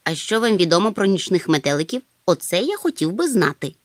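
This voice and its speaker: A woman voicing a slow-witted, mild-mannered male creature obsessed with rare insects, who mutters to himself. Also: on the low side, sing-song, dry recording, studio quality. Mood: pedantic.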